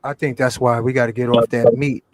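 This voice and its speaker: A man's voice: mid-range voice, little pitch movement, brisk, dry recording. A man in a casual chat, talking emphatically.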